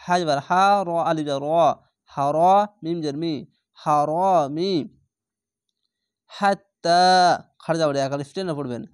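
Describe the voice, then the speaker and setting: A man teaching Quran reading, spelling out each syllable and then chanting the words slowly with long drawn-out vowels. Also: fairly high pitch, clear, resonant tone, no echo, clean studio sound. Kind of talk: slow spelled-out recitation lesson.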